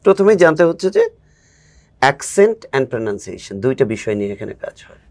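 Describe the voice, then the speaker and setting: A man's voice: mid-range voice, sing-song, normal speed, darkish tone. A man who coaches spoken English, a guest in a casual interview, explaining patiently and acting out examples.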